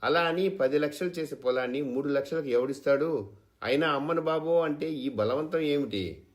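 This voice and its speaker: A man's voice: on the high side, moderate pace, voice pushed up, lightly acted. A man voicing a stubborn farmer husband who speaks with indignation and bitterness. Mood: indignant. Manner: indignant, then weary.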